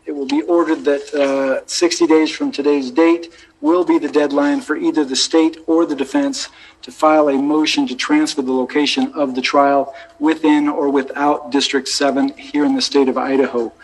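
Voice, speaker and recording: A man with an American accent speaking as a judge, giving a measured, deliberate formal ruling from the bench. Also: on the high side, low-quality recording. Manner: measured, deliberate, procedural phrasing. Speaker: judge presiding over a court hearing. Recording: courtroom recording with background noise.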